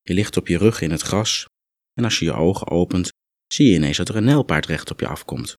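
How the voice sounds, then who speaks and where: Calm guy with a deep voice talking you through a relaxation exercise, super dry recording, no room sound. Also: fairly quick, dry recording. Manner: calm, instructive, coaxing. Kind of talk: guided muscle relaxation meditation.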